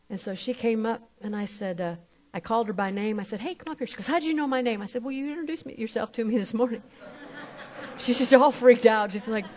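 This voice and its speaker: Woman minister, sermon testimony, lively retelling of a conversation. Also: a little high. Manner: storytelling, acting out both sides of conversations.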